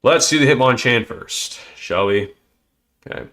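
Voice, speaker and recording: A male livestream host speaks at a measured pace and medium pitch, sounding a bit bright. He keeps up casual chatter, muttering to himself and exclaiming now and then as he sorts cards.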